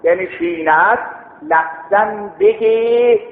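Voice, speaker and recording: A man teaching a seminary class, explaining step by step, reciting Arabic text and quizzing his students. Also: sits high. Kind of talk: classroom lecture. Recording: echoey hall, tinny lo-fi sound.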